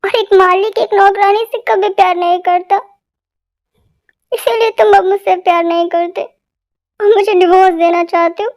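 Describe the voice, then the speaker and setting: A dramatic young wife, whiny and tearful, played by a woman in a homemade fan dub. Her voice is extremely high-pitched, and it breaks into sobs and accusations. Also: fairly even intonation, moderate pace, darkish tone. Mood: tearful accusing. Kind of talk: amateur Hindi fan dub.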